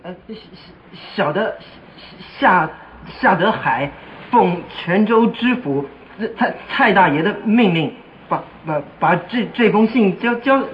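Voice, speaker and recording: A woman's voice: medium pitch, expressive. Woman putting on a stammering frightened servant. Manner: stuttering, halting. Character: terrified stammering male servant. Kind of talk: storybook radio drama. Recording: muffled lo-fi recording, faint hiss.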